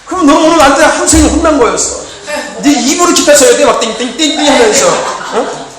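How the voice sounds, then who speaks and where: A man preaching in a church hall, his voice pitched unusually high. He moves between animated storytelling and shouted exhortation, calling out amen again and again. The room gives his voice a roomy echo, and the congregation answers amen behind him. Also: brisk. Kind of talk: sermon.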